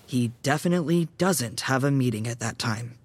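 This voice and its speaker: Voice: mid-range voice, normal speed, lightly acted. A performer voicing an anxious young vampire fledgling. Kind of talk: audio drama acting.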